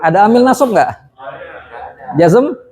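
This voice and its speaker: A man teaching Arabic grammar in a prayer room, quizzing his students with quick questions and then repeating and explaining each term. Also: very high voice, lively intonation, a little mellow. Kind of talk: classroom lesson.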